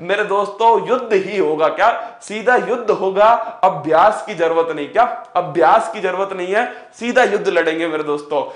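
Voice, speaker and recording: A man's voice: high voice, moderate pace, few pauses. A man teaching an exam-prep lecture with energy, firing rhetorical questions and calling his students playful pet names. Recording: echoey room.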